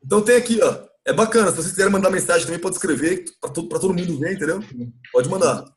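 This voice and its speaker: A man with a Brazilian Portuguese accent teaching English in a live class, explaining patiently and repeating words slowly to model pronunciation. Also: high voice. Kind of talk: live online class recap.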